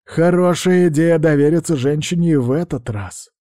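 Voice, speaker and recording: A man's voice: fairly high pitch, moderate pace, dark tone, no room sound, voice pushed up, natural voice. A man voicing a weary, sardonic dragon lord. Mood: calm. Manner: dry, cutting, sardonic retorts. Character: weary, cynical scheming dragon lord, male.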